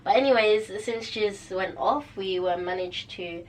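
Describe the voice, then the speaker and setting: A young woman with a London accent, co-hosting a casual podcast chat, slangy and quick to laugh. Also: medium pitch, far from the mic, slight background noise, poor audio. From East London. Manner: chatty, slangy, laughs often. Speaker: podcast co-host.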